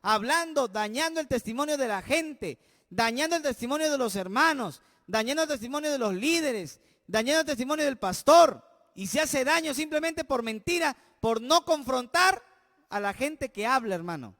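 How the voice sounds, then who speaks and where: High-voiced pastor preaching. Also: male voice, expressive, moderate pace, pushed and bright. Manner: emphatic, keeps asking the congregation questions. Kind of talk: expository sermon. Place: church. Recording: long church-hall reverb.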